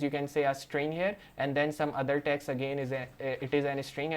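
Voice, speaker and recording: A man narrates a programming tutorial over his screen, describing each step as he does it. His explanations circle back and lean on fillers like "you can say." It sounds like a patient, step-by-step walkthrough rather than a polished script. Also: on the high side. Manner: walks through steps while working. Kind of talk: screen-recorded coding tutorial.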